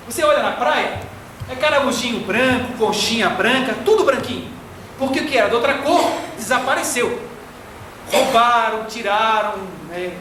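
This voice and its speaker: A man's voice: very high-pitched, bright, forceful tone. Brazilian man lecturing in an echoey hall. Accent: Brazilian Portuguese. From Florianópolis, Brazil. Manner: didactic, slow and deliberate, fond of diminutives. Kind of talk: spiritist lecture. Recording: echoey hall from far off, faint noise.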